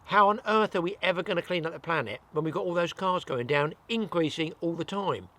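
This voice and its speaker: A man's voice: fairly high pitch, fairly quick, bright, forceful tone. An older British man hosting an outdoor channel, chatting casually and rambling with a self-mocking humour at a forest cabin. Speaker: channel host.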